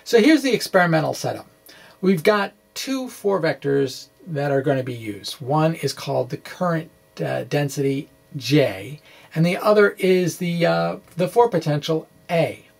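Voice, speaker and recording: A middle-aged science blogger reads puzzle answers from his blog aloud in a semi-scripted explanation, halting, quirky and playfully dramatic. His fairly high voice is expressive and creaky. He sits at a desk microphone in a small indoor room lined with bookshelves.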